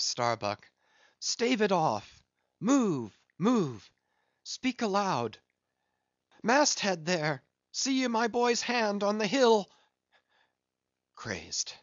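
A man voicing a grave, fearful first mate who murmurs low and breaks into urgent, high cries, on dull, dry audio. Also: expressive, takes it slowly, fairly bright tone, no room sound. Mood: frantic.

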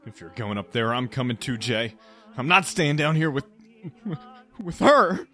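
An actor playing a good-natured, slow-witted sidekick in an audio drama, stammering, anxious and a little whiny. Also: male voice, medium pitch, expressive, sharp tone, faint music behind. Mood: jittery. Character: nervous, dim, good-natured male sidekick. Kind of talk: audio drama comic acting.

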